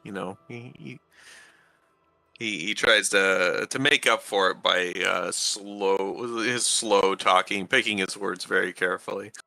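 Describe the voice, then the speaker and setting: A man running a tabletop game as game master, his voice gravelly and forceful. He narrates slowly, halting and restarting often, with a low pitch under it all. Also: dry recording, soft background music. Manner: halting, full of fillers and restarts.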